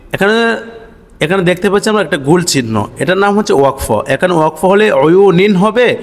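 A man teaching Quran reading step by step. He asks and answers his own questions and chants the sample words slowly. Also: sits high, in a large hall. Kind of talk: step-by-step recitation lesson.

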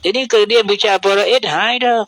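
Southern Thai male religious teacher, fairly high voice, patient lesson. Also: fairly even intonation, rapid-fire, a bit bright, low-quality recording. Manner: patient, explains word by word, mixes languages. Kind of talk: Islamic grammar lesson.

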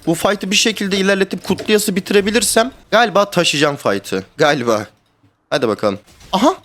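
A young man streaming a video game, talking to his teammates in casual live commentary that swings between calm planning and excited shouting and swearing. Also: sits high, fairly quick. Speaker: gamer streamer.

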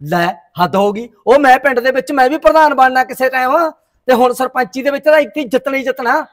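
A man's voice: very high voice, fast talker. A man playing a self-important village father who wants to become sarpanch and grumbles defensively at his wife. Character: boastful village father chasing the sarpanch post.

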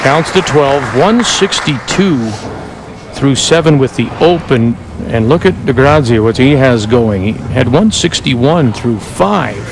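A man's voice: medium pitch, lively intonation, slow. Chatty man calling bowling on TV. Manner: conversational, chatty asides. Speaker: play-by-play commentator. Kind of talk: sports commentary. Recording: TV broadcast with crowd and noise.

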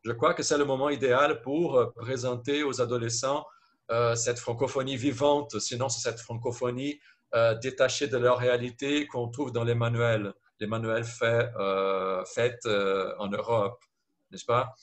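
A man's voice: mid-range voice, fairly even intonation, unhurried. A man from Brazil speaking French with a Brazilian Portuguese accent, talking hesitantly on a video call at a panel, often checking in with "d'accord?". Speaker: panelist teacher. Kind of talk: video call round-table talk.

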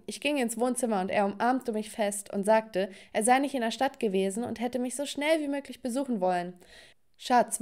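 A young woman narrating a dramatic first-person story for an animated video. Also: on the high side.

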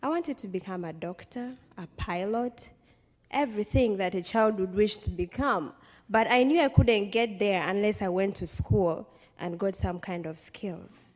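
Standing at a podium in a large hall, a young Ugandan woman from the west of the country, a college student invited to speak, addresses the audience with earnest emphasis. Her mid-range voice moves at a moderate pace, and the podium microphone and PA carry a long reverb.

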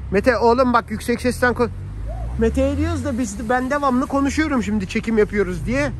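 Out on a snowy city street, a Turkish family vlogger holds his phone while filming and chats casually, treating viewers as friends in colloquial speech. The voice is very high-pitched and fairly quick, and faint street noise fills the outdoor phone recording.

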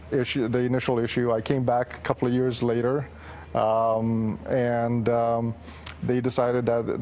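A man in his forties from Romania, a guest on a morning TV show, speaking earnestly with frequent pauses. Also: medium pitch, slight background noise. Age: 40s. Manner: steady, earnest, many pauses with um. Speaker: guest, former patient. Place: TV studio set.

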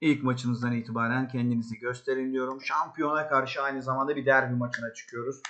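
A man hosting a football management game video, commenting excitedly on the match and shouting at his players. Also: mid-range voice, fairly quick, highs cut off. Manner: excitable, yells at players, then calm asides.

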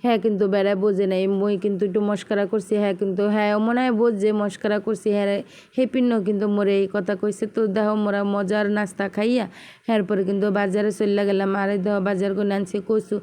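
A woman's voice: mid-range voice, flat delivery, fast talker, warm tone, clean tone. A woman speaking with a Barishal Bengali accent, chatting casually and directly to her viewers in a home vlog. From Bangladesh. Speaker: vlogger.

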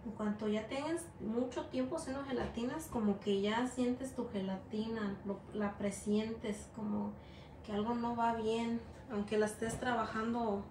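A middle-aged Mexican-American woman from the US, her voice a little high, leads a casual gelatin art demonstration at an indoor work table. She talks in a rambling, chatty Spanish laced with English words and fillers, against background noise in an echoey room with faint ambience.

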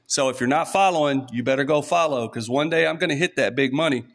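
A man's voice: mid-range voice, fast. A man with an East Texas accent chatting casually to his followers while scratching lottery tickets. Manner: chatty, talks straight to followers. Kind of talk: casual play-by-play vlog.

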